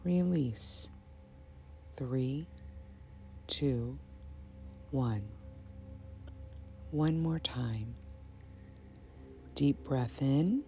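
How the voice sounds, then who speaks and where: Over ambient binaural meditation music, a woman with a low-key, creaky voice guides a meditation. She speaks extremely slowly and soothingly, setting out short phrases with pauses between them against a soft binaural music bed.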